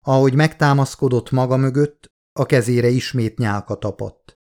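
A man giving scripted audiobook narration in a steady, measured storytelling manner. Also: mid-range voice. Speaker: audiobook reader.

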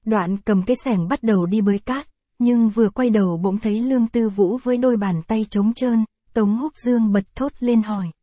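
A woman narrating an audio novel in a steady, even storytelling manner. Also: on the high side, normal speed, no room sound.

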